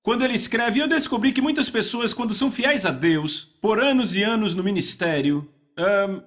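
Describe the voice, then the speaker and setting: A man preaching a sermon, asking the congregation to answer and repeat key words, slowing down on weighty phrases. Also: high-pitched, fairly bright tone. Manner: asks the audience to repeat words and answer back. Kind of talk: dubbed sermon.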